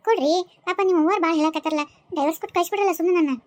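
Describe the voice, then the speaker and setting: A woman's voice: extremely high pitch, rapid-fire, darkish tone, no echo. A woman voicing a cheeky, smug young daughter-in-law in a cartoon, with a North Karnataka Kannada accent. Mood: teasing. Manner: smug, teasing.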